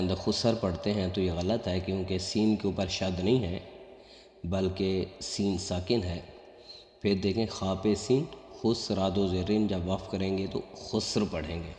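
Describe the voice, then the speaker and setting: A man teaching correct Quran recitation, explaining pronunciation mistakes and then chanting the verses in a high, drawn-out melody. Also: darkish tone. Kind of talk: slow tajweed lesson with chanted recitation. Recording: echoey room with long reverb.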